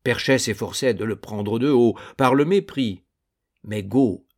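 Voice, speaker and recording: A man narrating a literary novel in a measured, deliberate reading. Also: mid-range voice. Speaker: audiobook narrator.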